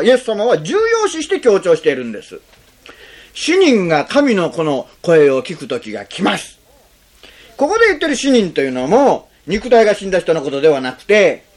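A male pastor preaching a sermon in an easy, talkative way. His pitch leaps up and drops down constantly, and he keeps checking in with the congregation with a little "ne". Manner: conversational, frequent tag "ne", lively swings in pitch.

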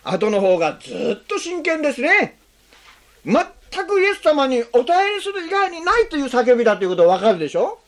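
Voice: sits high, big pitch swings. A pastor preaching a sermon, asking the congregation questions and adding frequent tag words between phrases. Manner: slows on key phrases, speeds up when explaining.

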